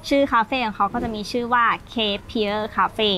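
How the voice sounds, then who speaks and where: A woman's voice: mid-range voice, flat delivery, unhurried, bright, forceful tone. A young adult woman co-hosting a casual cafe review vlog, bubbly and upbeat, recorded on a lapel mic at an outdoor seaside cafe. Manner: bubbly, upbeat presenter talk. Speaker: travel vlog co-host. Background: background music.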